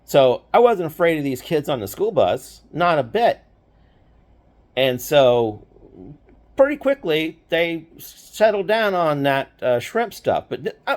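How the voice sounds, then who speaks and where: An older man casually telling a childhood story, rambling with many fillers. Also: medium pitch. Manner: rambling, lots of "you know" fillers.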